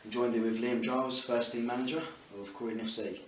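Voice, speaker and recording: A man's voice: medium pitch, flat delivery, a little fast. A man with an English accent working as a club TV interviewer, putting questions after a match. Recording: roomy, distant mic, faint ambient noise.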